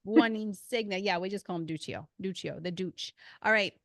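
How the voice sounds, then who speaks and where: A woman's voice: mid-range voice, normal speed, a bit bright, no echo, clean studio sound. A woman hosting a podcast in casual chat, talkative and self-deprecating. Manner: chatty, self-deprecating, laughs often. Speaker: podcast host.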